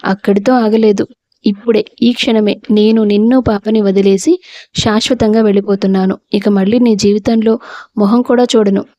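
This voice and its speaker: A woman's voice: mid-range voice, steady tone, moderate pace, warm tone, no echo, natural voice. A woman voicing a bitter angry husband. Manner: scornful, snapping.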